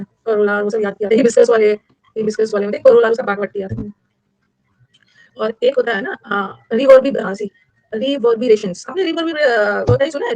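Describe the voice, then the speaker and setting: A woman teacher running a lively classroom lecture, drilling vocabulary with repetition and mnemonics. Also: dry recording. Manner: energetic, repetitive, with sudden high-pitched emphasis. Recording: dull lo-fi dry recording.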